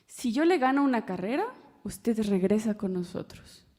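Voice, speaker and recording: A woman's voice: mid-range voice, expressive, normal speed, mellow, natural voice. A woman voicing a brave, swift young male deer who speaks in a raised, earnest voice. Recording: long hall reverb.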